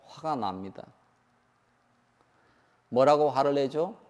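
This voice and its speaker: A male monk preaching a sermon with a lively, rising and falling voice. He asks his listeners question after question and acts out the quarrels he describes. The reverb of the hall trails behind his words. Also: mid-range voice, slow. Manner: asks the audience questions, acts out quoted lines.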